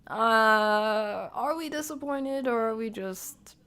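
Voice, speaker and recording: A woman with a bright, forceful, fairly high voice streams live, tossing casual, playful commentary at her chat. She leans on internet slang and stretches her words out in a drawn-out, slangy way.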